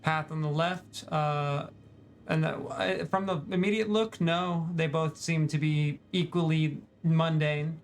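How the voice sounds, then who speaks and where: A man's voice: a little high, fairly even intonation, a little slow, a little hiss or hum. A man running a tabletop game as game master, describing scenes with frequent restarts and fillers.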